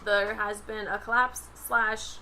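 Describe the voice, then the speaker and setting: A woman's voice: medium pitch, little pitch movement, slow pace, sharp tone. A woman chatting casually as a player in a tabletop game. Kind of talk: casual chat. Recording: some background noise.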